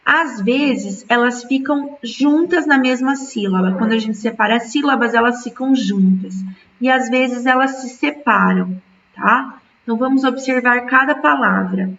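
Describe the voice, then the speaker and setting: A woman's voice: fairly high pitch, a little slow, fairly bright tone, distant mic, muffled recording, slight background noise. A woman teaching a school lesson, patiently stretching words out syllable by syllable. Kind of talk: recorded remote school lesson.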